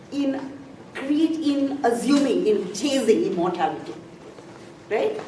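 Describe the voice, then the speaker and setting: Speaking in a mid-range, slightly mellow voice, a woman delivers an informal, chatty presentation on composting in a library room, poking fun at herself. The audio is echoey and noisy, with the mic far away.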